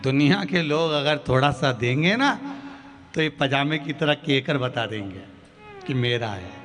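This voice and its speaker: A man's voice: mid-range voice, lively intonation, measured pace, a bit bright, long reverb tail, faint music behind. A man preaching a devotional katha, telling a folksy parable and acting out its village characters in turn. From India. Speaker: Shiv Purana katha preacher. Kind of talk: devotional katha storytelling sermon. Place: large live katha gathering.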